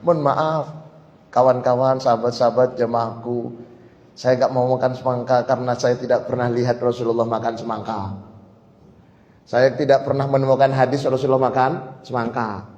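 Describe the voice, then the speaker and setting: A man's voice: mid-range voice, fairly even intonation, moderate pace, darkish tone, echoey room, big-room sound, dull audio, pitched below the performer's own voice, lightly acted. A man voicing a humble, polite old male scholar who speaks apologetically to his congregation.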